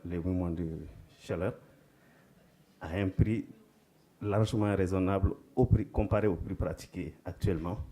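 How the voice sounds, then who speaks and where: A man entrepreneur describing his plans in a measured, deliberate way at a forum. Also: low voice, mellow. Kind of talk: testimony at a forum.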